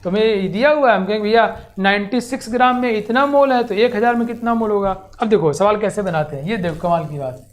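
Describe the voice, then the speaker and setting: A man teaching chemistry in a live online coaching class, animated and teasing, repeating words rapidly, coaxing his students and mixing English terms into his speech. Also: high voice.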